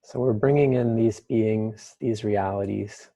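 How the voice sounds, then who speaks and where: A man leading a guided meditation with the slow, hushed delivery of a mystical healer. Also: lowish voice.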